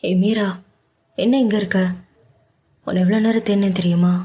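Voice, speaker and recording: A woman voicing an affectionate young man who coaxes and teases his love with brisk, playful talk in a storybook romance. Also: mid-range voice, fairly even intonation, warm tone, close to an everyday voice. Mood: coaxing. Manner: brisk, coaxing and teasing. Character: affectionate wealthy young man, teasing and devoted.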